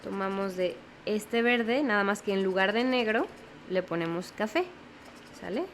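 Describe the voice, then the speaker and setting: A woman's voice: mid-range voice, measured pace, a little hiss or hum. A young woman teaching a step-by-step watercolor lesson, patiently explaining and often checking in with the viewer. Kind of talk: step-by-step painting tutorial.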